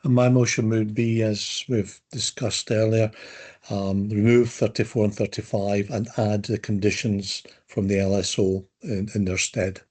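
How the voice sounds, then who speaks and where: Husky low man. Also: flat delivery, a little slow, darkish tone. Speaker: board member.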